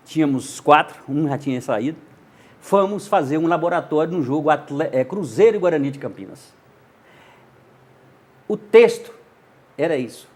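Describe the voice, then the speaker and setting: An older man from Montes Claros, Minas Gerais, Brazil, speaks with a Minas Gerais Brazilian Portuguese accent in a husky, fairly high-pitched voice. A journalist and radio narrator appearing as an interview guest, he tells anecdotes with animation in a casual storytelling chat, acting out dialogue in different voices.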